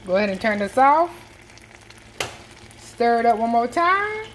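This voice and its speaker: A woman's voice: a little high, very animated, unhurried. A woman chatting casually to viewers while she cooks in her home kitchen, filming on a phone in one hand. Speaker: cooking vlogger. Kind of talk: casual cooking chat. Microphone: phone camera held in one hand. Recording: noisy home kitchen, pan sizzling.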